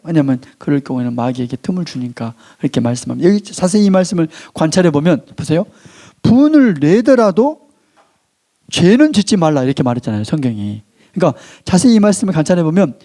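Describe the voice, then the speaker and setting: Guy pastor preaching in church, voice swings up and down a lot, warm mellow tone, slows right down on the big points. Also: on the high side. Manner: leads the congregation in call-and-response reading; slows down and stresses key phrases, then drops his voice. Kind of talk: sermon.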